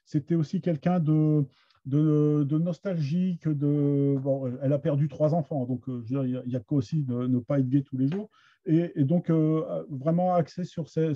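A man with a Somme Picard accent teaching Picard literature in an online master class, hesitant, with many restarts and fillers. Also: a little high. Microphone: computer mic on a video call. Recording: dull lo-fi video call audio.

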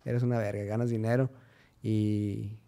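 A man's voice: fairly low pitch, flat delivery, measured pace, vocal fry, warm tone. A young man with a Mexican accent, a guest talking casually and crudely, full of slang fillers. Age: young adult. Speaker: guest musician. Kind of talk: casual interview chat.

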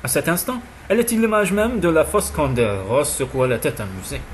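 A man narrating a romance novel in an audiobook, with smooth, even storytelling. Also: on the high side, brisk, slight background noise.

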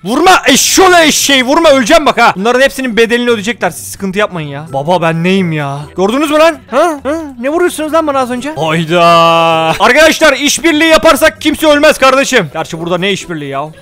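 A man giving rowdy, slangy gameplay commentary with excited exclamations. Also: very high-pitched, fast talker, soft background music. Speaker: gaming YouTuber.

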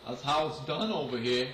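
A man voicing a brash, trash-talking New York tough guy while playing a video game, with a put-on New York accent, laughing and mocking his rivals. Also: fairly high pitch. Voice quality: laughs a lot, calls rivals mooks and goombas. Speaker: gamer. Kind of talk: trash talk over game voice chat. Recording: echoey, distant mic, clear noise.

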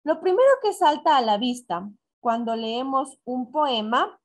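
A woman teacher explains a lesson in a slow, deliberate way, going step by step. She counts syllables out loud and asks herself questions before answering them. Her voice sits a little high. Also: expressive. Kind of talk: recorded online class. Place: school in Ecuador.

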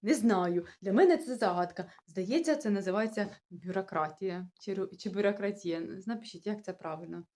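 Talking to the camera in a casual way, this village-life vlogger, a young woman whose first language is Russian, covers everyday matters in a mid-range, dark-toned voice. She speaks fairly quickly with lively intonation and barely pauses, though her sore throat shows and she keeps rambling, restarting and sounding confused.

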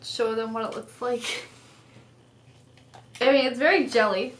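Young woman vlogger, high voice, casual chat, echoey dining room. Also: steady tone, a little slow. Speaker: vlog co-host. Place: indoor home dining room. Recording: echoey room with faint noise.

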